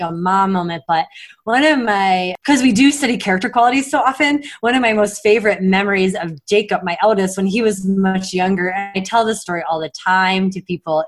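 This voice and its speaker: A woman in her forties, a mother, talking in a casual podcast interview with a chatty, sarcastic humor and frequent laughs. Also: mid-range voice. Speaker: guest, mother of several children.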